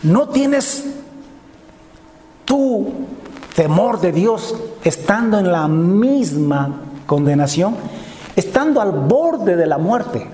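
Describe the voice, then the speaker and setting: A male preacher voicing a remorseful condemned criminal who urgently rebukes his companion, in a higher voice than his own. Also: big pitch swings, very slow, pauses often, warm tone, reverberant, long reverb tail, full character voice. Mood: rebuking.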